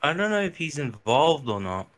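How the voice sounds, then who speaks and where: A man's voice: fairly high pitch, big pitch swings, moderate pace, fairly bright tone. A man co-commentating a sim race, giving play-by-play calls with hesitant fillers. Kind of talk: casual sim racing commentary.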